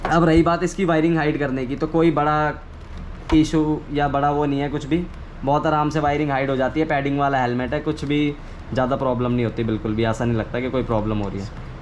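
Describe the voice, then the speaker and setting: A man with a medium-pitched, steady voice talks fast as a video creator running a casual hands-on tutorial. He walks through each step and repeats himself often. The ambient background is clearly noisy.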